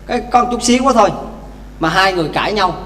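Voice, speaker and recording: A man, a Buddhist monk, giving a lively dharma talk with stories, speaking directly to the congregation. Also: high-pitched, fast talker. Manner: lively, addresses audience directly. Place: temple hall. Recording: echoey temple hall, faint hum.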